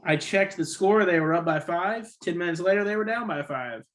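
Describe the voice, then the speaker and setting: High-pitched and fairly quick, this man's slightly bright voice carries a laid-back sports podcast he hosts. He's hiccuping throughout, wandering off on opinionated tangents and frequently correcting himself.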